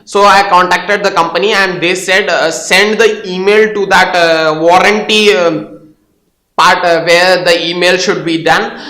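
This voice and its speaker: A young Indian man, a tech channel host whose first language is Hindi or Tamil, speaks Indian English in a high, fairly even voice that sounds pushed and bright. He's hosting a casual tech explainer video, talking a little slowly and hesitantly, with lots of fillers and restarts. The room he's in is echoey.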